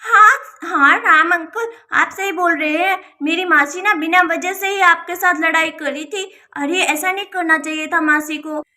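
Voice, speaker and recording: A woman's voice: very high voice, a little slow, hardly any pauses, sharp tone, full character voice. A woman voicing a cheerful little girl in a doll story, chirpy and eager.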